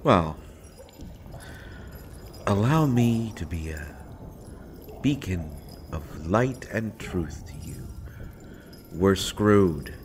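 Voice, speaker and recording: Heavily acted, this scripted audio roleplay features a man voicing a villain who taunts from prison in a very low, sardonic tone. He talks slowly and theatrically, drawing out lines with mocking pauses over noticeable background noise.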